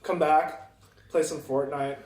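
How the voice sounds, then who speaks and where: A young man with a fairly high voice answers questions between bites of food, humming "mm" as he thinks. He sounds a little distant from the mic, in an echoey room with faint background noise. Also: steady tone, takes it slowly, darkish tone. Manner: eats while talking, hums "mm" between thoughts. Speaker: vlog host answering questions. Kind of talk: casual chat while eating. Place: indoors at a meal.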